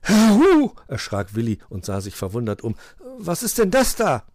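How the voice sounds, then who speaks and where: A man's voice: on the low side, huge pitch swings, normal speed, dry recording, clean studio sound, exaggerated voice. A man voicing a cheerful young male owl who yawns and jokes in rhymes. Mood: startled. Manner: yawning, playful, rhyming.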